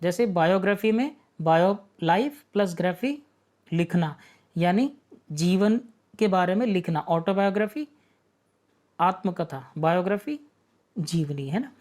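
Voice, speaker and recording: A man's voice: sits high, lively intonation, a little slow, long pauses, darkish tone. A man teaching an online exam-prep vocabulary lesson, patiently explaining words, asking rhetorical questions and constantly checking in with his students.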